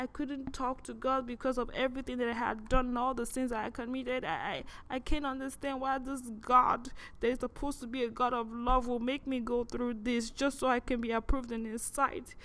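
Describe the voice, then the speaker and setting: A woman giving a personal testimony in a halting, repetitive way, full of restarts and sighs. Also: on the high side, fairly even intonation, a bit bright.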